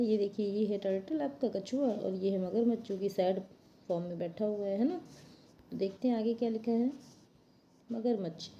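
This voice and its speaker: A woman teacher reads a storybook chapter to children, patiently explaining in simple terms what its words mean. Her voice is medium-pitched and mellow, and the dull audio carries a little hiss or hum.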